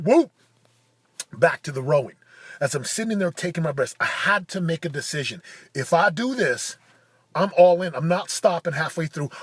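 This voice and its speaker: A man in his forties giving a punchy, emphatic motivational monologue that builds to shouted declarations. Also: a little high, slightly rough, dry recording. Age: 40s. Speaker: motivational speaker.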